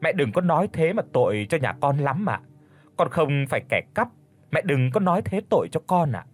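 Man doing a shy young wife in an audiobook, stutters and begs politely, kinda husky. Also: on the high side, very animated, a little fast. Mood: timid. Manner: stammering, polite and pleading. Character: timid, meek young daughter-in-law of thirty. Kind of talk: audiobook character voice.

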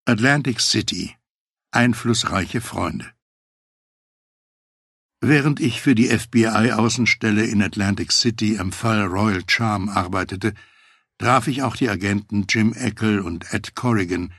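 Gravelly low-voiced man reading a memoir. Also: a little slow, fairly bright tone, no echo, clean studio sound. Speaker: audiobook narrator. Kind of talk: first-person memoir narration.

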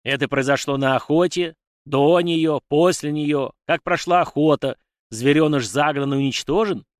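A man's voice: fairly high pitch, normal speed, dry recording, clean studio sound, pitched above the performer's own voice, lightly acted. A man voicing a furious old grey-haired clan patriarch who speaks in a commanding, imperious way. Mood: demanding, angry.

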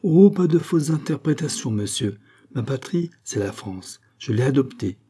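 A man's voice: medium pitch, lively intonation, moderate pace, dark tone, husky, voice pushed up. A man reading aloud, voicing a proud, imperious queen in a storybook reading. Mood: haughty. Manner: imperious, reproachful. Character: proud haughty queen, woman, stern.

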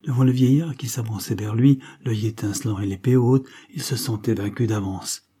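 Dark, husky male audiobook narrator. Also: lowish voice, fairly even intonation. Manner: measured, dramatic reading. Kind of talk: audiobook narration of a period novel.

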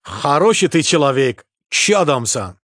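A man voicing a calm, laconic man from Baku with an Azerbaijani accent and terse, unhurried phrasing. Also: on the high side, no room sound, studio quality, pitched above the performer's own voice, full character voice.

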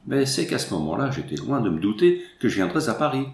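A man voicing a loud, jovial young country soldier who talks bluntly and boisterously. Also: sing-song, fast, gravelly, roomy sound. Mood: hearty. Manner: boisterous, booming country talk.

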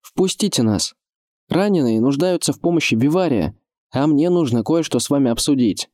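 A man reading an audiobook, voicing a calm young nobleman with a resonant, measured, commanding voice. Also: fairly high pitch, no echo, studio quality, voice pushed up, natural voice.

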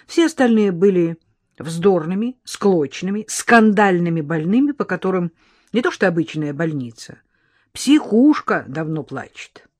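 Woman narrator for a comic novel, wry and even, dry studio read. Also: lowish voice, dry recording. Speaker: audiobook narrator. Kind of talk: scripted narration.

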